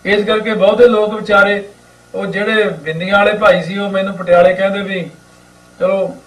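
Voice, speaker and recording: A man teaching the pronunciation of scripture. He chants verses slowly and carefully, then explains in quick asides. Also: sits high, fairly even intonation, a bit bright, distant mic. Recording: echoey room, voice from off-mic.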